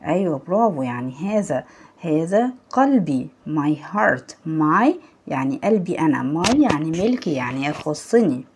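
A woman's voice: low-pitched, very animated, moderate pace, a little mellow, slight background noise. A woman with an Egyptian accent teaching young children, patiently repeating words and praising her pupils. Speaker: English teacher. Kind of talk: online lesson for young children.

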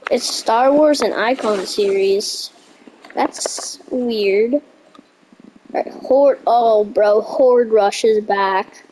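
Young gamer, stuffy and congested, excitable casual commentary, a touch high-pitched. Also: female voice, slight background noise, poor audio. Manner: excitable, reads on-screen text aloud haltingly. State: stuffy nose from a cold. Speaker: gaming youtuber.

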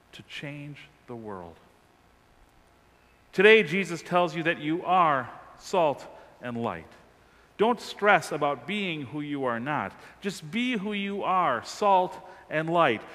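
A man in his forties preaching a sermon from a lectern in a large church sanctuary, with emphatic swings from loud to hushed. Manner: emphatic preaching with wide swings of pitch and volume, gesturing. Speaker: pastor. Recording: long church reverb.

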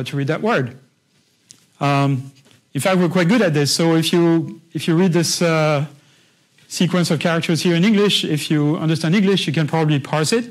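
In a slightly high voice over poor audio, a man lectures a university class. He explains patiently and conversationally, often checking in with his listeners and frequently restarting his sentences.

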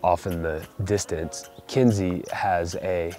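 A man's voice: low voice, steady tone, takes it slowly, mellow, soft background music. A man hosting an outdoor vlog, narrating casually and with enthusiasm from a mountain campsite into a handheld camera mic. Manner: chatty, enthusiastic. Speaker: vlog host.

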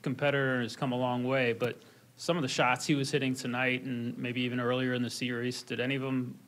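A man's voice: mid-range voice, little pitch movement, fast, fairly bright tone. A man working as a reporter, asking a hesitant question with restarts at a press conference.

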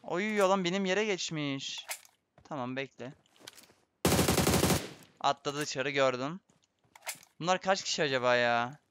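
A man's voice: on the high side, a little slow, long pauses, very noisy. A young man commenting live on his own gameplay for viewers, muttering his plans and then bursting out in frustration. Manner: excitable, swings between muttering and frustrated outbursts; addresses viewers constantly. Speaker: gaming streamer.

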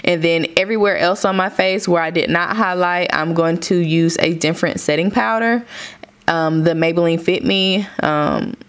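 A young woman with a smooth, clear voice talks through her makeup tutorial in an easy, chatty way. Her pitch sits a little low for a woman, and she explains each step as she goes. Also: moderate pace. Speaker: beauty vlogger.

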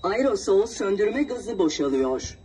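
A prerecorded warning voice blares from an alarm loudspeaker across the room, heard from a distance. The tone is mellow and dark, yet the pitch swings widely as it repeats its formal announcement. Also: sing-song, measured pace, slight background noise. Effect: played over an alarm loudspeaker.

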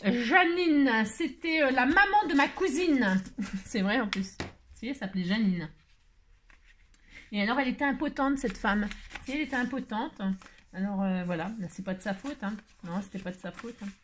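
A woman's voice: on the high side, animated, moderate pace, a bit bright, a little hiss or hum. A woman, hosting a scrapbooking vlog, talking in a playful, rambling way, full of fillers and teasing asides. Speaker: scrapbooking channel host. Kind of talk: chatty mail-opening vlog.

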